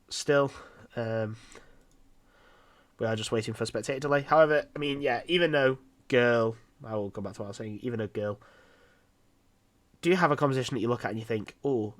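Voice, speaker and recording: A man casting a live esports match solo on his own streaming mic, chatty and rambling with lots of fillers. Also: lowish voice. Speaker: esports caster. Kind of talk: live game commentary.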